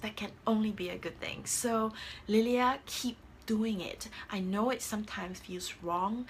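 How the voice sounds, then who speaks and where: A woman hosting a casual motivational live talk, earnest and emotional, with her voice jumping higher when she quotes herself. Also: moderate pace, slight background noise. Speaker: host of a live video chat.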